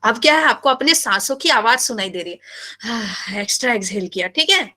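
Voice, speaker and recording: Woman, biology teacher, animated, playful, bright tone, fairly high pitch. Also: fairly quick. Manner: animated, playful, asks students questions. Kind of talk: live class lecture.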